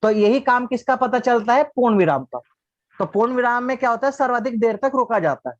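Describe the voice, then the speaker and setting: The class audio is dull and lo-fi, coming through a video call with no room sound. An animated man with an extremely high pitch teaches briskly, patiently asking questions of the class and answering them on his own.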